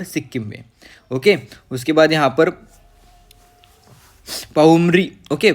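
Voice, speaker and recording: A man with a slightly high-pitched voice gives an exam-prep geography lesson from a map. He mixes English terms into his Hindi and checks in with "okay" after almost every point. He pauses with fillers and corrects himself as he goes. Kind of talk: map-based lecture.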